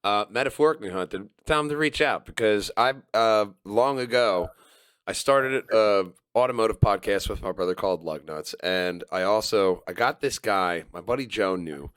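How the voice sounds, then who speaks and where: A man's voice: fairly low pitch, normal speed, a bit bright, clean tone, no echo. A man co-hosting a podcast, bantering in a laid-back, joking way. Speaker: podcast co-host. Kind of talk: casual podcast chat.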